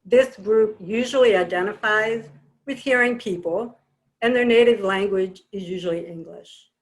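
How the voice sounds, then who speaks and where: A woman's voice: mid-range voice, normal speed, low-quality recording. A woman presenter giving an explanatory presentation in a plain, spoken style.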